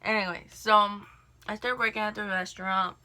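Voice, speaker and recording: A woman's voice: mid-range voice, fairly even intonation, brisk, noisy background. A young woman in a casual storytime vlog, rambling through a work story with lots of fillers and swearing, recorded indoors on a camera mic while doing her makeup. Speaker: vlogger telling a work story.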